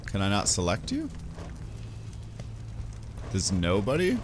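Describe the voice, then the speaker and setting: A man's voice: fairly low pitch, wildly swooping pitch, takes it slowly, noisy background. A man from Canada streaming a game, chatting casually and reading game text aloud. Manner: chatty, rambling, light-hearted. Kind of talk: casual let's-play commentary and reading aloud.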